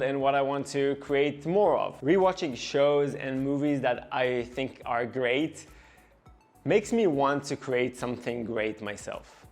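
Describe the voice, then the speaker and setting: An animation director, a man with a fairly high-pitched voice, delivers earnest, scripted devlog narration. He slows down whenever he wants to emphasize something.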